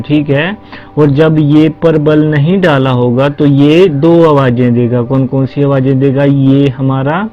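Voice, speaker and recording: A man teaching a language lesson, patient and step by step, asking questions and answering them himself. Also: a little high. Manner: patient, repeats "ठीक है", asks and answers his own questions. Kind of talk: slow spoken language lesson. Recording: dull lo-fi recording with faint music.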